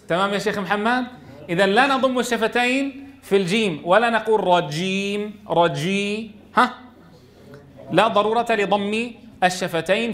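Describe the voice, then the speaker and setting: Guy teaching quran recitation, kinda high voice, keeps repeating the sounds slow and punchy so ppl copy him. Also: fairly bright tone. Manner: drills letter sounds slowly, stressing and repeating them. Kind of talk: tajweed lesson with drills.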